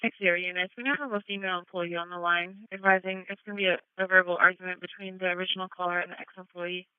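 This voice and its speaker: A woman's voice: on the low side, steady tone, fast talker, smooth, dry recording. A woman working as a police dispatcher, relaying information over police radio. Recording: tinny narrowband police radio.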